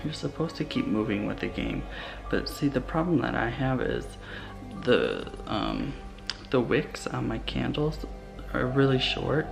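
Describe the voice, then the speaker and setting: Young guy vlogging at home, creaky gravelly voice, kinda hesitant n rambly, music playing under him. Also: medium pitch, very animated, measured pace. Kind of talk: casual vlog storytelling to camera. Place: inside a house. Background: background music.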